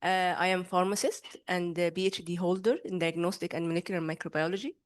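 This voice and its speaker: A woman with an Egyptian accent gives a formal self-introduction to a group in an earnest, careful, halting way. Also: lowish voice, fairly even intonation. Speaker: course participant, pharmacist.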